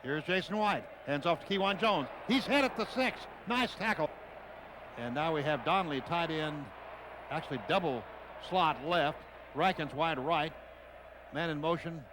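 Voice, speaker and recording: Lively intonation marks this American announcer's slightly high voice as he calls live football at a moderate pace. He speaks in short, clipped phrases on a noisy radio broadcast from an outdoor stadium.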